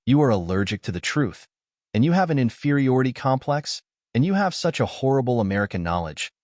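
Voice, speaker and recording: A man's voice: medium pitch, sing-song, brisk, a little mellow, no echo, clean studio sound. A man from North Africa narrating an argumentative commentary video, scornful and lecturing.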